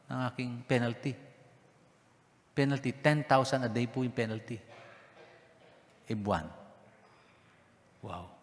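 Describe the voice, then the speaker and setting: A middle-aged man from the Philippines preaches to his congregation, his pitch sitting mid-range. He tells a personal testimony with emotional, prayerful intensity, and his words carry a long reverb through the church sanctuary. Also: a bit bright. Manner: emotional storytelling, rising to crying out in prayer. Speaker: pastor.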